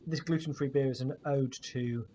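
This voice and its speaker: A man's voice: mid-range voice, steady tone, normal speed, warm tone, slight background noise. A tired man co-hosting a casual podcast, yawning and joking after a long day. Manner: joking, laughs often. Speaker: podcast co-host. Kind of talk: casual chat.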